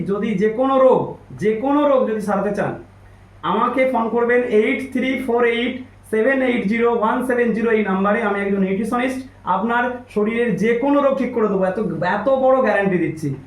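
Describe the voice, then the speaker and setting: A man from West Bengal, a nutritionist, making an emphatic, repetitive sales pitch in a promotional testimonial. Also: reverberant, rough recording. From Hooghly district, West Bengal, India. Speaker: nutritionist promoting herbal products.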